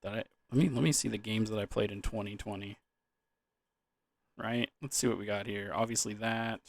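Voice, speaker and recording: A man's voice: lowish voice, fairly even intonation, normal speed, gravelly. A young man in a loose, drunken, rambling casual chat about gaming, trailing off, repeating words and swearing casually. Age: young adult. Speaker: gaming vlogger.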